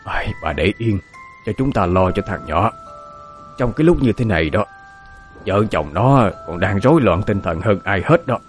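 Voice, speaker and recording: A sad older man in a spoken story speaks low and hushed, trying to console, as a male narrator voices him. His tone is subdued and heavy, with faint music behind. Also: expressive, normal speed, lightly acted.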